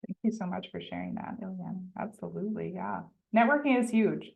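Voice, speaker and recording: A woman's voice: mid-range voice, brisk, creaky. A woman hosting an online panel, affirming and encouraging, heard over a video call. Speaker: panel moderator. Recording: tinny narrowband video call audio.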